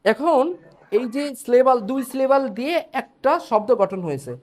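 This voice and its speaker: A man's voice: extremely high pitch, normal speed. A man teaching an online English class, explaining step by step and checking in with his students.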